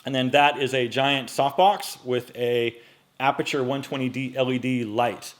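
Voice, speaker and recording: A man in his late forties talks through viewer questions in a relaxed, conversational way, with a middling pitch and lots of fillers and false starts. He sounds close to a microphone set up in front of him in a small home studio. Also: moderate pace, very noisy. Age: 40s. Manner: relaxed, chatty, with many fillers and restarts. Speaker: men's style YouTuber. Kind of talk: casual Q&A vlog.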